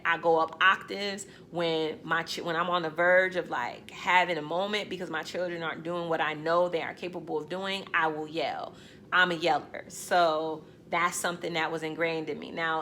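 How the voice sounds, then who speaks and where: Loud, bright-voiced woman card reader. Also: fairly low pitch, slight background noise. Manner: loud, talks up when excited; rambling with fillers and self-corrections. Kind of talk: casual spiritual card reading.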